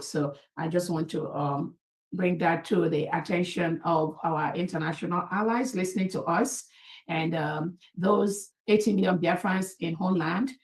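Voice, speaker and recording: A woman's voice: on the low side, creaky, a little mellow, roomy sound, low-quality recording. A woman addressing members in an online meeting, earnest and formal, thanking people by title.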